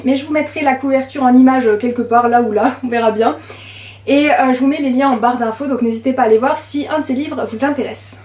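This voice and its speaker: Young woman, book vlogger, chatty and hesitant, higher voice, roomy sound. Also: a little mellow. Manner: chatty, many fillers and hesitations. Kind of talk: casual chat to camera.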